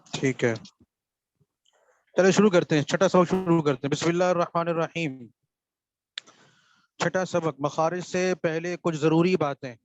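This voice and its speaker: A man's voice: a little high, dry recording, lo-fi sound. Patient male Urdu recitation teacher. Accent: Pakistani Urdu. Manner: patient, repeats each answer and checks understanding. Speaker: teacher of Quran recitation rules. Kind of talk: online lesson, reading out questions and explaining.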